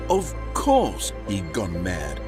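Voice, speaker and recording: A man's voice: deep voice, wildly swooping pitch, takes it slowly, full character voice. A man narrating a video game story in a dry, wry, theatrical way. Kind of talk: scripted narration. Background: game music.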